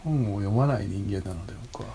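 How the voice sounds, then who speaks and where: A man's voice: lowish voice, fast talker, gravelly, warm tone, breathy edge. A man with an Osaka accent, co-hosting a casual talk and reading passages aloud. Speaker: co-host.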